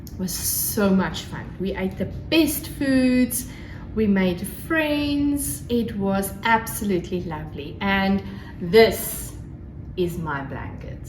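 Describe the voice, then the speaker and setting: This Afrikaans-speaking South African woman takes it slowly, her medium-pitched voice full of lively intonation as she gushes through a casual solo vlog chat for her craft podcast. A fire crackles amid faint noise, and the recording has a roomy echo.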